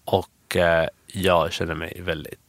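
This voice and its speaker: A man, a hairstylist guest, chatting in an interview and acting out lively anecdotes. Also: sits low, no echo. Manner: animated storyteller, acts out quotes. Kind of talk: casual interview chat.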